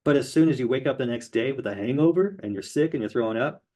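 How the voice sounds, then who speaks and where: A man doing a patient, gentle maiden. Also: medium pitch, fast talker, lightly acted. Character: patient, perfect virgin maiden helping a drunk.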